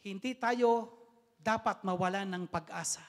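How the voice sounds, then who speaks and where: High-voiced male preacher in a hall. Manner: emphatic preaching with drawn-out pauses. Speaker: lay preacher. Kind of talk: sermon. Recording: long reverb of a large hall.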